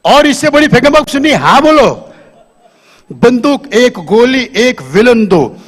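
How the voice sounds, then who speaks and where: A man's voice: very high-pitched, sing-song, slow pace. A man doing live stand-up comedy on a stage, talking to the audience into a handheld microphone and quizzing them.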